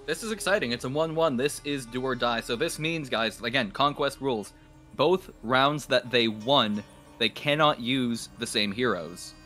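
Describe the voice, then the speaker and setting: A man's voice: medium pitch, normal speed, bright, forceful tone, soft background music. A man from Canada casting a live game stream, explaining at length and laughing often. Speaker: esports caster. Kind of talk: casual live-stream commentary.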